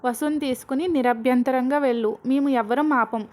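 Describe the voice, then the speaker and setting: A woman voicing a calm, dignified older family head who speaks in a measured way. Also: high voice, natural voice.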